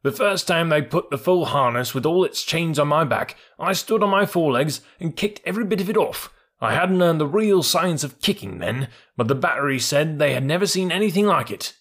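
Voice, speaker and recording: A man voicing a gruff, bossy old male army mule in a storybook, scolding in a brisk way. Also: a little high, animated, a bit bright, voice pushed up.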